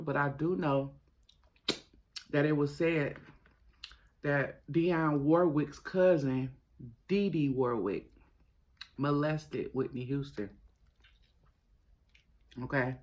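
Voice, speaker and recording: A man hosting a mukbang, talking casually to viewers with his mouth sometimes full, gossipy and emphatic, pausing and repeating phrases. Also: a little high, a little hiss or hum. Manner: talks while eating, mouth sometimes full. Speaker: mukbang host. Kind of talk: casual chatty commentary to viewers while eating.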